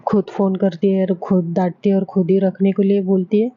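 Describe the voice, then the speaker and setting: A woman's voice: medium pitch, little pitch movement, brisk, close to an everyday voice. A woman voicing a blunt, exasperated teenage schoolboy footballer in an offhand, everyday way, on a dull lo-fi recording.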